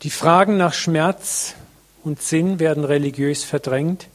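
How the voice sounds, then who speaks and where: This man's sermon is earnest and reflective, full of pauses, and he speaks straight to the congregation. His voice leans high.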